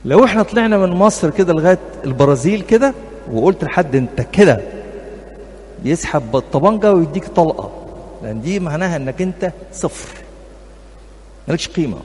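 A man's voice: fairly high pitch, lively intonation, quick pace, pauses often, darkish tone. A middle-aged man with an Egyptian accent giving a talk to couples at church as a marriage counselor, humorous and anecdotal, speaking straight to his audience. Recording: reverberant hall, faint background noise.

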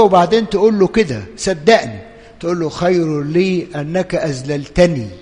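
A man with an Egyptian Arabic accent preaching a sermon as a priest, swinging between hushed urging and loud, impassioned pleading. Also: a little high, long reverb tail.

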